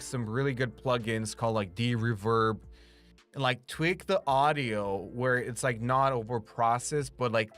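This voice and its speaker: A smooth, fairly bright, medium-pitched voice belongs to a young man from Romania who streams and voice-acts. Slightly accented, he rambles casually to viewers, saying "like" constantly and cursing freely.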